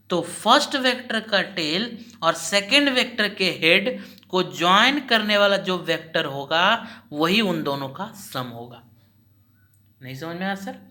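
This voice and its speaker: Bright-voiced man teaching a class. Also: high voice. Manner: asks questions and answers them himself; patient, repeats each point slowly. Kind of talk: recorded class lecture.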